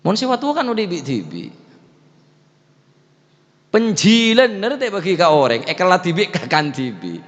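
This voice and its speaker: Animated male preacher in a reverberant prayer room. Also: moderate pace, pauses often. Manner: mixes Madurese and Javanese words into Indonesian, recites Arabic; swings from loud high exclamations to low quiet asides. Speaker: preacher teaching a religious text. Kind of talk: sermon. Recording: dull livestream audio with long reverb.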